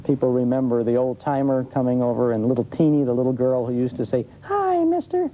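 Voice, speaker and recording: On an old television tape with faint noise, a man appears as an expert guest in a television studio, telling stories enthusiastically in a conversational interview. His mid-range voice is very animated and a little fast, and the sound is muffled.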